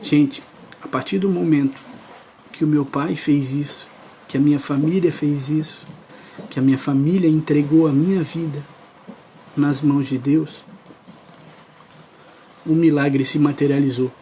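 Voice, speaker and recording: Male preacher, earnest testimony delivery, pitched slightly high, mellow tone. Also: steady tone, measured pace, long pauses, a little hiss or hum. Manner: earnest, addresses the crowd directly. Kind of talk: testimony sermon.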